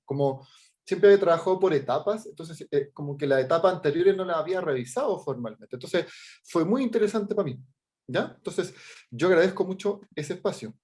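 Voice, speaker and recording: A man's voice: sits high, darkish tone. A middle-aged man with a Chilean accent, an artist and teacher presenting his work informally over a video call, hesitant, with many fillers and frequent check-ins. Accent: Chilean Spanish. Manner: halting, many fillers and restarts, keeps checking in with "¿ya?". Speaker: artist and teacher giving a workshop talk.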